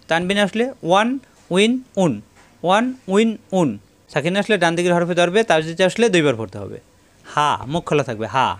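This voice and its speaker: A man teaching Arabic letters in a step-by-step lesson, repeating syllables slowly in drills. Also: on the high side. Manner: repeats syllables in slow drills and tells viewers to take note. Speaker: Quran reading teacher.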